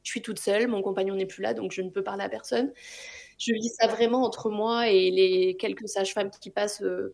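A young woman from France, a podcast guest, telling a personal story in a lively, colloquial way with many fillers. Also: mid-range voice.

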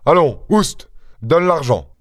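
Man doing a gruff country farmer, bullying, loud bursts, dry close sound, audiobook. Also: a little high, big pitch swings, takes it slowly, dry recording, voice pushed up. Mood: angry. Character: angry, brutish middle-aged peasant farmer. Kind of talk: audiobook character voice.

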